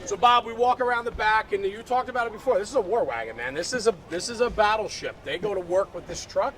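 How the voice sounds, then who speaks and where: A fast-talking host with a high, expressive, slightly bright voice leads an off-the-cuff tour of a fire apparatus at a crowded outdoor convention. Engaged and emphatic, he keeps checking in with listeners by tossing in "right?". Vehicles and crowd chatter can be heard throughout.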